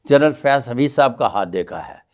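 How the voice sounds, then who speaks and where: On a podcast interview, a Pakistani man appears as a guest palmist. His voice sits at medium pitch and sounds animated, while his phrasing stays measured, formal and courteous.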